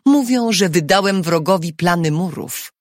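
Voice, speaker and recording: A woman's voice: fairly low pitch, animated, moderate pace, dry recording, studio quality, close to an everyday voice. A woman reading an audiobook who voices a tense, resolute husband in short, urgent lines. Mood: tense, firm.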